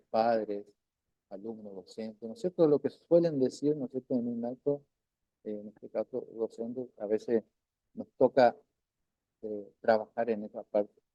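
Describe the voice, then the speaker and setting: A man teaching a recorded language lesson, patiently repeating words slowly and checking in often with "isn't that right?". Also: mid-range voice, dark tone, dry recording, lo-fi sound.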